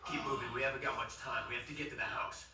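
A man's voice: mid-range voice, fairly even intonation, quick pace, pushed and bright, slight background noise. An actor playing an urgent grown man who leads a fugitive in a video game cutscene, terse and commanding. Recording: roomy echo, distant from mic.

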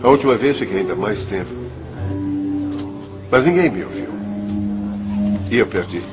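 A man's voice: on the low side, lively intonation, normal speed, close to an everyday voice. Middle-aged man an actor, Brazilian accent, weary regretful boxing trainer, dubbed film drama, music underneath. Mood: somber. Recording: film soundtrack with music behind.

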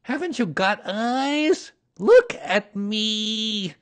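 A storybook reader voicing a small, anxious male piglet, squeaky and jerky, trying to sound brave and indignant. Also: very animated, extremely slow.

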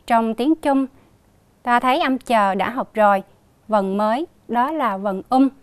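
A female primary school teacher with a Southern Vietnamese accent, leading a slow reading lesson for young children and spelling out sounds with emphatic repetition. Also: on the high side, smooth, no room sound. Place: recorded for a TV lesson.

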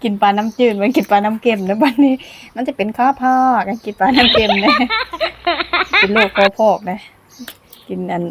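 A woman's voice: a little high, expressive, moderate pace, a little hiss or hum. A woman from Laos with a Lao accent chats casually through a cooking vlog outdoors in the sun, laughing often, filmed on a camera by her niece. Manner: chatty, laughs often while talking. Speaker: cooking vlogger. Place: outdoors in sunshine.

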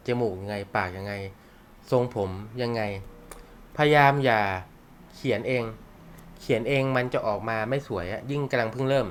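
There's slight background noise as a young man with a medium-pitched voice teaches manga in a relaxed live class. He keeps things jokey and chatty, laughs often, and uses slang and curse words.

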